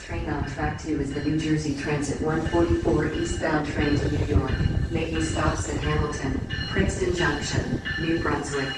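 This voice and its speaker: A woman making train announcements over the station intercom loudspeakers, listing stops one by one in a measured way. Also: sits low, fairly even intonation. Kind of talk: public address train announcements. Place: outdoor train station platform. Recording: echoey loudspeaker heard from far off, loud train noise.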